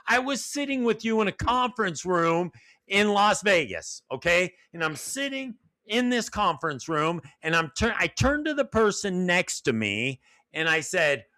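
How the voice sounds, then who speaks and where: Bright, eager male interview host. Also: sits high. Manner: eager, acts out quoted dialogue. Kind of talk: enthusiastic interview with storytelling.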